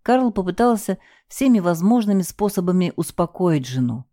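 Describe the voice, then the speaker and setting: Brief: expressive woman narrator, first-person story, warm dark voice. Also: lowish voice, moderate pace, no echo, studio quality. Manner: lively, expressive reading. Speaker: audiobook narrator.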